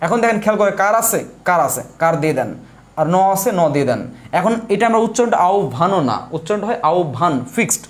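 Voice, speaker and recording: Talking fast in a high voice with big pitch swings, this young man teaches exam prep in a live online lesson. He writes while explaining each step, repeating himself and answering his own questions.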